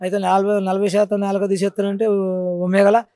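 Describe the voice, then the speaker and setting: A man's voice: high voice, completely flat delivery, moderate pace, warm tone, dry recording. A man with a Telangana Telugu accent, a folk storyteller telling his cancer story in an interview, earnest and repeating his points. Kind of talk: casual interview.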